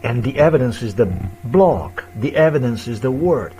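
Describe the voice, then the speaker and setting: A man's voice: medium pitch, animated, moderate pace, warm tone, a little hiss or hum. A man in his fifties delivering an agitated, repetitive ranting monologue in broken, non-native English grammar. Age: 50s.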